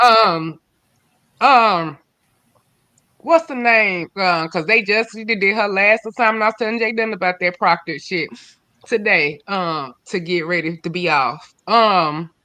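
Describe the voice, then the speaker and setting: A woman host, chatting casually and telling animated stories about herself. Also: medium pitch, a little slow, dry recording. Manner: animated storytelling, quoting herself loudly. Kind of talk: casual chat.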